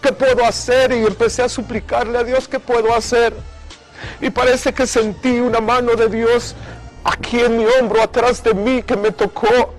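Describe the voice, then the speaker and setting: A man's voice: extremely high pitch, level tone, moderate pace, faint music behind. A middle-aged man giving an emotional personal testimony in an earnest way, often repeating words for emphasis. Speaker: speaker giving a religious testimony.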